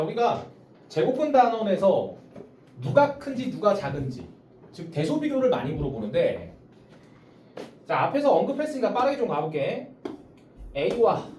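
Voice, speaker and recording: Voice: mid-range voice, noisy background. A math tutor leading a small-group lesson in a classroom, explaining step by step and calling on students by name. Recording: roomy sound from a distance.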